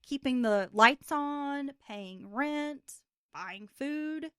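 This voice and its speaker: A woman's voice: high-pitched, lively intonation, very slow, sharp tone, dry recording, studio quality. A woman co-hosting a casual true crime podcast, talking in a brassy, joking way. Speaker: podcast co-host.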